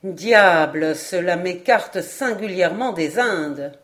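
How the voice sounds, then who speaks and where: Paganel, a woman voicing an excitable French geographer. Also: fairly low pitch, takes it slowly. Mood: excited. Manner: exclaiming, lively and emphatic. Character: excitable male French geographer, absent-minded, eager.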